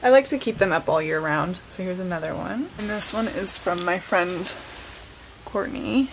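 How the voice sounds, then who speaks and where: Speaking animatedly at a normal speed, a woman in her twenties vlogs from her bedroom into a handheld camera at arm's length. Her voice is on the low side, and her casual chat is packed with "um" and "like." Background noise can be heard.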